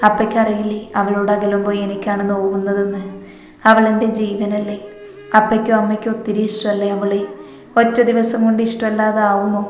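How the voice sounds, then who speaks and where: Woman storyteller reading a romance, evenly paced and level in tone. Her voice stays flat, with little rise and fall. It rings in a roomy space with a long trailing reverb. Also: mid-range voice, fairly quick, soft background music. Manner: steady, even reading. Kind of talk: scripted narration of a romance story. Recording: echoey room with long reverb.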